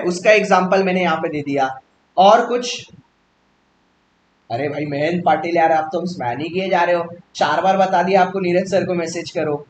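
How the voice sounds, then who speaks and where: A man teaching an English grammar class live online, talking casually, repeating key terms slowly and reading out questions from the chat. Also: fairly bright tone. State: sleepy. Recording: echoey room, faint rumble.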